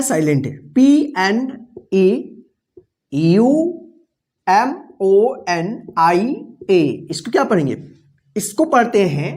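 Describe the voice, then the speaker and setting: A woman teacher gives a classroom-style vocabulary lesson at an unhurried pace. She spells each word out letter by letter, quizzes her learners and patiently repeats each answer. Her pitch swings widely as she stresses the key words. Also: darkish tone. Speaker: English teacher.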